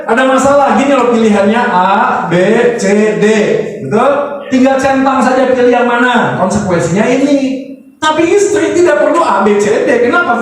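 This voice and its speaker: A man with a strikingly high voice preaching a lighthearted sermon, throwing quick questions at his congregation between jokes. He is heard from some distance in a big hall, with heavy echo ringing around every word. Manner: jokey, quizzes the congregation. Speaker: pastor. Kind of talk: humorous sermon. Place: large hall. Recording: echoey hall from far off.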